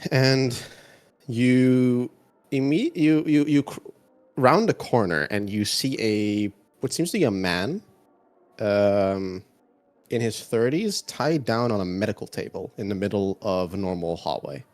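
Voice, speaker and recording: A man narrating a tabletop horror game as game master, in a halting, casual way. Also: on the low side, lively intonation, darkish tone.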